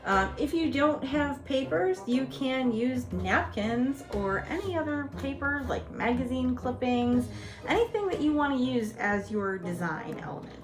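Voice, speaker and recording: A woman's voice: high-pitched, sing-song, a little slow. A woman hosting a spooky craft tutorial in a playful, conversational horror-host manner. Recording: music playing behind the voice. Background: music.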